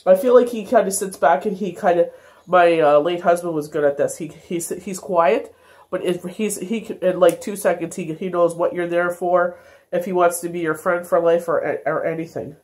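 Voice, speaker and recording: A congested tarot reader with a stuffy nose gives a casual daily reading, her fairly low, darkish voice moving at a moderate pace. She meanders along, full of fillers and self-corrections.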